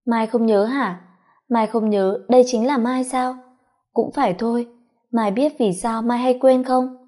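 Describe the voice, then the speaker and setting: A woman's voice: a little high, fairly even intonation, unhurried, warm tone, lightly acted. A woman voicing a tipsy, affectionate young husband who talks in a slurred, whiny, sugary way. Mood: sad.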